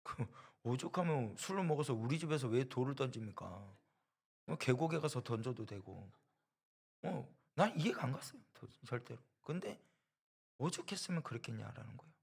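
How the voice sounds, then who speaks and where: A man's voice: mid-range voice, animated, normal speed, vocal fry, slightly rough. A male preacher giving a sermon, telling a personal story with rhetorical questions and repetition for emphasis. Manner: storytelling that acts out quoted voices. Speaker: preacher at a church.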